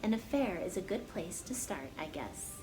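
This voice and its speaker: A woman's voice: lowish voice, very animated, moderate pace, background noise. A storybook farm father, read by a woman, talks plainly and practically. He is easygoing yet firm as he gives advice. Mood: resigned. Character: practical, easygoing farmer father advising his children.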